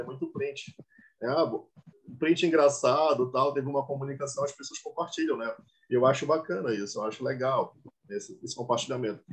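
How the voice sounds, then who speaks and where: Brazilian male teacher, online class, repetitive, checks in with students often. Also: on the high side. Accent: Brazilian Portuguese.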